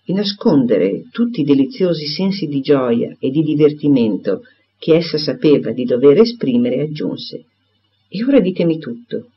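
A man narrating a classic novel as an audiobook, with expressive storytelling. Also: mid-range voice. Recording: dull lo-fi recording.

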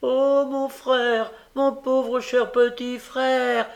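Guy doing a feisty young woman, pitched way up, defiant. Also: expressive, slow pace, fairly bright tone, exaggerated voice. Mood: pleading. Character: bold young woman, defiant then pleading.

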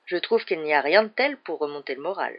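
An audiobook reader voicing a wise, gentle old male headmaster wizard who speaks calmly and kindly, unhurried. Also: medium pitch. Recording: dull lo-fi recording.

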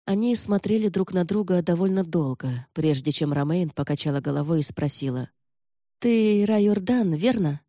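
A woman reads a novel aloud in even, measured scripted narration. Her voice is low and mellow, recorded dry and close. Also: no room sound. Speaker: audiobook narrator.

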